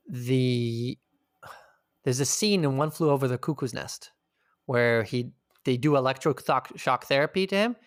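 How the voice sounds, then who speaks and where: A medium-pitched male voice, recorded at studio quality with no echo, belongs to an interview guest. In this reflective conversation he talks in a thoughtful, searching way, now and then swearing casually.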